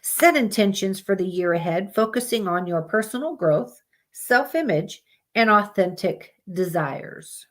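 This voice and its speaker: A woman's voice: medium pitch, expressive, measured pace. A woman streaming live, reading out monthly horoscopes in a casual way and breaking off with blunt, swearing asides. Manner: reads aloud plainly, breaks off with swearing asides.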